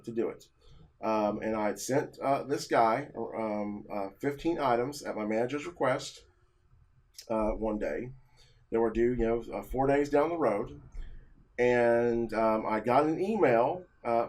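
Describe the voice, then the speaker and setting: A man who works as an office analyst, telling a personal work story in an agitated, halting way with many restarts. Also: medium pitch, darkish tone.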